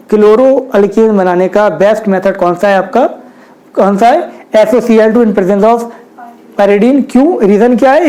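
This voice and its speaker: A man's voice: sits high, warm tone, poor audio. A young man, giving a chemistry lecture at a whiteboard, often asking rhetorical questions and speaking directly to his students. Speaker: chemistry teacher.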